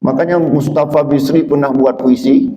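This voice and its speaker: A man preaching a sermon, who poses questions to himself and answers them, and who climbs high and loud when he quotes. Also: fairly even intonation, moderate pace, slight background noise, low-quality recording. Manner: explains by asking and answering his own questions; rises to high, loud emphasis when quoting. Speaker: Islamic preacher.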